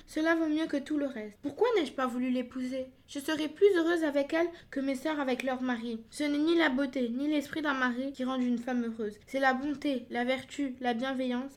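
A woman voicing a gentle, earnest young heroine in a fairy-tale reading, speaking up and pleading. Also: high-pitched, close to an everyday voice. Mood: remorseful.

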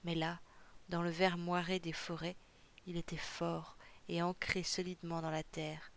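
Audiobook narrator, gravelly, steady and even, reads fiction aloud. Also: medium pitch. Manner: measured, even storytelling. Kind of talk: audiobook reading.

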